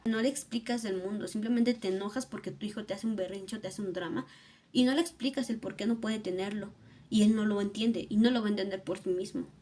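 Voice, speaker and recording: A woman's voice: medium pitch, mellow. A young woman, thinking aloud in an earnest, reflective personal vlog. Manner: earnest, thoughtful, musing aloud. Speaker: vlogger.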